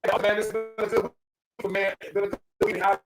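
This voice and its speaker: A man's voice: high voice, little pitch movement, fast, music in the background. A man hosting a casual podcast chat whose call audio keeps breaking up, laid back and calling everyone "man". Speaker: podcast host.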